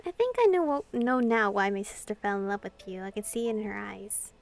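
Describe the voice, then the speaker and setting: A young adult woman who creates gaming content plays a visual novel, expressively reading dialogue and narration aloud and reacting casually with giggles. Her mid-range voice is creaky, very animated and fairly quick, with game music playing behind it.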